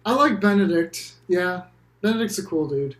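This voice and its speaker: High-pitched guy hosting a game chat, blunt, swears a lot, roomy echo. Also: animated, normal speed, a bit bright. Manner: candid, blunt, swears freely. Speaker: channel host. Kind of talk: casual game discussion.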